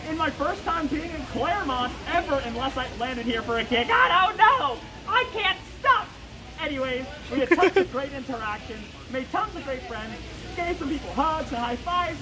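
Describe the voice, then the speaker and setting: Excitable lady vlogger talking thru a fursuit head, high voice, lots of noise around. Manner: bubbly, excitable, playful. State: speaking through a fursuit head. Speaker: vlog host. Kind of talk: casual vlog chat. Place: outdoors in a public town area. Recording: loud outdoor background noise.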